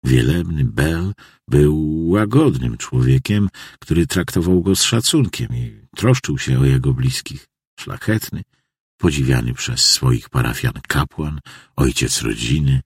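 Deep husky guy narrating an audiobook, lots of up and down in his voice, dry close mic. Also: darkish tone, dry recording. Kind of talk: scripted narration.

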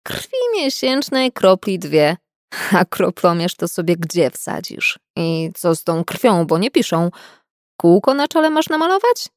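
A woman reading a mocking young male doctor, a prankster who teases loudly and chuckles as he talks. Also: fairly low pitch, sing-song, measured pace, dry recording, clean studio sound. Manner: teasing, loud, chuckling.

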